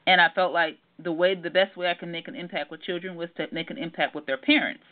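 A middle-aged family therapist calls in to a casual radio show over a narrow, tinny phone line. Her voice is on the low side and steady, she speaks quickly, and she's earnest, with many ums and repeated words.

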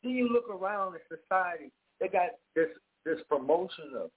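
A man's voice: high-pitched, expressive, moderate pace, slightly rough. A man calling in to a radio talk show over the phone, speaking emphatically and firing off rhetorical questions. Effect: heard over a phone line. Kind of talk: impassioned call-in commentary. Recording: tinny phone line on radio.

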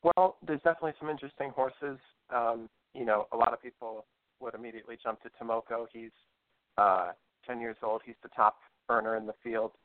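A man speaking as a guest horse racing expert in a measured, hesitant, analytical way on a talk show. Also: mid-range voice, fairly even intonation, no room sound. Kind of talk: live radio-style racing analysis interview. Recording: thin phone-like line.

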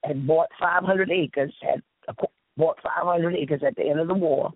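Slightly rough-voiced and moving at a moderate pace, a female interview guest from the South Carolina Sea Islands tells emphatic, conversational stories in a Lowcountry Gullah Southern accent, acting out dialogue and repeating phrases. The audio is dry, thin, and phone-like.

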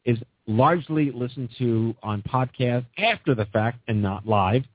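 A man's voice: mid-range voice, expressive, unhurried, husky, no echo. Man in his forties hosting over a phone line. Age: 40s. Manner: rambling, enthusiastic, many fillers and restarts. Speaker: host. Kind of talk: radio talk show chat. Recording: dry, tinny phone-like line.

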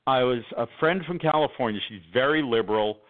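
A man's voice: mid-range voice, brisk. A man with an emphatic, sarcastic manner and many fillers, talking politics as a guest on a call-in radio show over a phone line.

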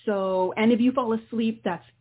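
A woman guiding a meditation session as a healer, speaking in soothing, deliberate phrases with pauses. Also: fairly high pitch, fairly even intonation, a little hiss or hum. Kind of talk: guided meditation, partly improvised spoken instruction. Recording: muffled, phone-like narrow sound.

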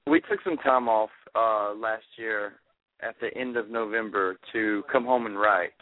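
A man from Alabama with a Southern hillbilly twang, chatting casually and haltingly as an interview guest. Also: fairly low pitch, steady tone. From Alabama, United States. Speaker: interview guest, rock band lead singer. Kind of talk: casual phone interview chat. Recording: tinny phone line, radio show.

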